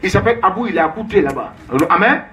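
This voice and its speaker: A man's voice: high voice, expressive, quick pace, bright, forceful tone. A man preaching as a prophet, emphatic and repetitive, calling out names and Alléluia in call-and-response.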